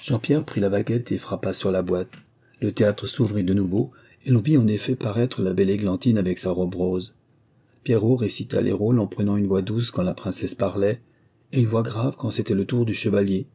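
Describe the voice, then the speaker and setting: A man calmly narrating a fairy tale audiobook in a measured storytelling manner. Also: lowish voice, slightly rough.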